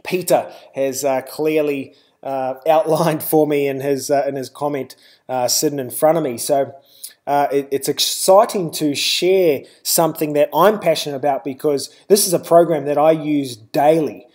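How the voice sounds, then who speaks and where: A man's voice: a little high, fairly even intonation, normal speed, a little mellow. A man with a New Zealand accent giving a live webinar presentation, talking loosely with lots of "uh" and "you know".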